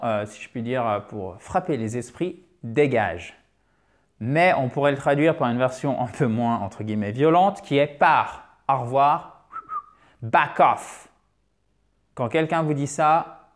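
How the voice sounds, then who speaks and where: A man teaching English in French, lively and chatty, repeating example sentences slowly to drill pronunciation. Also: medium pitch. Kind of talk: French-language English lesson.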